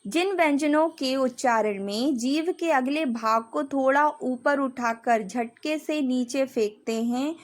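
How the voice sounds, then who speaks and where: High-voiced woman teaching a grammar lesson. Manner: explains slowly, demonstrates sounds, repeats "ठीक है" often.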